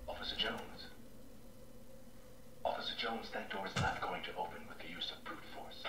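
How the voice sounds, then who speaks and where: A man voicing a calm, coldly logical artificial intelligence in a video game, formal and clipped. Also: sits low, moderate pace, background noise, close to an everyday voice. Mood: cool, matter-of-fact. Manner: formal, clipped, matter-of-fact.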